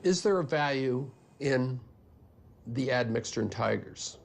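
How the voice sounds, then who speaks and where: A man's voice: medium pitch, lively intonation, measured pace, gravelly. An older man, a scientist, explaining his views conversationally in a documentary interview. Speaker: geneticist interviewee.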